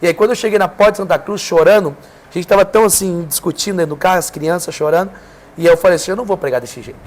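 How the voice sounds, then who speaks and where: A Brazilian preacher appearing as a podcast guest shares an emotional personal testimony, his high, steady voice racing along in rapid-fire bursts. He speaks with a Brazilian Portuguese accent, telling the story earnestly and emphatically as the intensity keeps rising.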